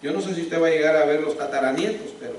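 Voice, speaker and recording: Pastor, male, emphatic sermon with rhetorical questions, high-pitched, heavy hall echo. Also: quick pace, darkish tone, a little hiss or hum. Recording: echoey hall, speaker far from mic.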